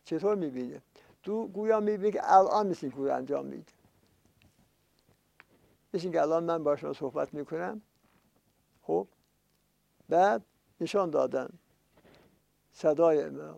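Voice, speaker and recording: An older man, a cleric, preaching a religious sermon, reciting quoted passages slowly and explaining them with emphatic, rising lists. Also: on the high side, creaky, mellow, dry recording. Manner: slow emphatic recitation of Arabic, then explaining in Persian. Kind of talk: religious sermon with Arabic quotations.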